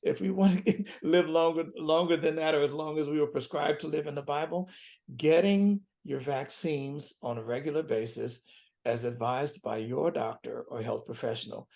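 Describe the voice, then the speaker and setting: A man's voice: on the high side, moderate pace, gravelly, a little mellow. A man in his seventies, a physician guest in an interview, speaking earnestly and repeating key phrases for emphasis. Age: 70s. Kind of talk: interview conversation.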